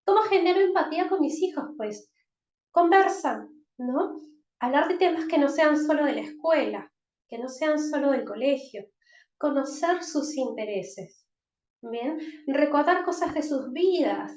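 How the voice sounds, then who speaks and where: High-voiced woman, echoey dull audio. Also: animated, a little slow, darkish tone. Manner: explanatory, frequent checking tags. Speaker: psychologist. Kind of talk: online talk for parents. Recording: roomy, dull online-call audio.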